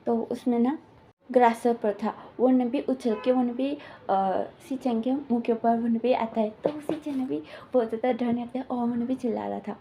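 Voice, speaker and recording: A woman with a mellow, slightly high voice casually retells a fan story. She rambles along with many fillers and small restarts. A faint hiss sits under the recording. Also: fairly even intonation, moderate pace. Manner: rambling, filler-heavy narration with quoted dialogue.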